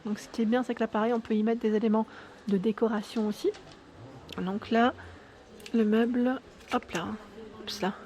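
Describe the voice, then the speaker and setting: A woman's voice: a little high, steady tone, moderate pace, long pauses, a little mellow. A woman giving an enthusiastic, chatty walkthrough vlog in a furniture store showroom, often tagging "hein" and correcting herself. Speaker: YouTube vlogger.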